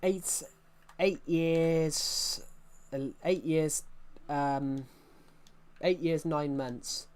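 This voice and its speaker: A man's voice: a little high, steady tone, very slow, a little mellow, clean tone. A man in his early twenties chatting casually on a game livestream, rambling and reacting to chat messages. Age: early 20s.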